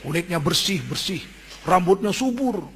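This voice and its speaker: A male preacher telling a religious story in a sermon, animated and emphatic, with joking asides. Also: sits high, normal speed. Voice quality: raspy, gravelly.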